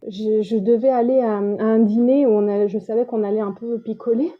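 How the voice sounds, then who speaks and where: A woman's voice: fairly high pitch, fairly even intonation, fairly quick. A French woman in her late thirties, a podcast guest chatting casually, talking with lots of fillers and restarts. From France. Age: 30s. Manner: chatty, many fillers and restarts, laughs easily. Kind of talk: casual interview chat. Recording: tinny phone-like line.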